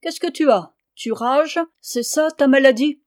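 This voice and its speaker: A woman's voice: fairly high pitch, normal speed, a little mellow, lightly acted. A woman reading the part of a stern, harsh peasant father who scolds and mocks his sons. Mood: scolding. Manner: gruff, scolding, mocking.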